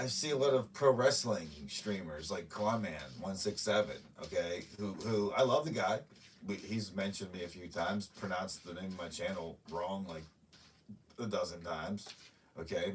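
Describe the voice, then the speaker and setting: A man's voice: on the low side, distant mic, slight background noise. A middle-aged man ranting casually on a live stream, talking to his viewers and his cats. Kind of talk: rambling live-stream chat.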